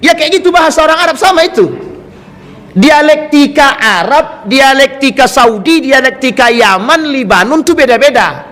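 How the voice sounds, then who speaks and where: A man's voice: very high-pitched, fairly bright tone. A male Islamic preacher giving a sermon, speaking directly to the congregation and telling stories through questions. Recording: long hall reverb.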